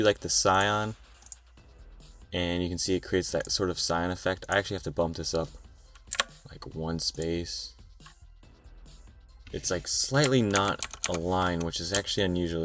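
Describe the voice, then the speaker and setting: A young man with a very low, deep voice talks through a software design tutorial in a tired, loose, rambling way. Faint music plays quietly under him, with the clack of keyboard typing. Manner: tired, relaxed, rambling with fillers. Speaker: tutorial host. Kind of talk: screen-recorded software tutorial.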